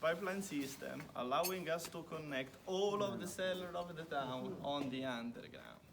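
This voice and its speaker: Slightly high and creaky, at normal speed, this young Italian man's accented voice carries a chatty winery tour for a group out on a stone village street, full of emphatic "very"s. The audio comes from a phone camera in the crowd: distant and buried in loud outdoor noise.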